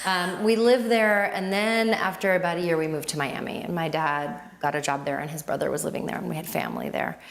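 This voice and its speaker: A Lebanese woman raised speaking Arabic tells her story as a guest in a casual conversational interview, reflective and full of fillers and restarts. Her fairly low, steady, creaky voice is brisk with few pauses, against slight background noise.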